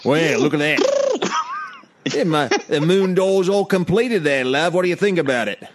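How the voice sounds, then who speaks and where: A man's voice: mid-range voice, lively intonation, quick pace, heavy background noise, close to an everyday voice. A man putting on a blustering cockney carpenter. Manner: loud, laughing, mock working-class bluster. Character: brash cockney-ish male carpenter of the Eyrie.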